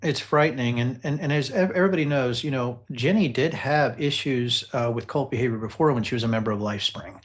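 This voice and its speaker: A man hosts a casual live political discussion, picking apart political text messages. He talks emphatically at a quick clip with few pauses, his medium-pitched voice repeating phrases to hammer his point home.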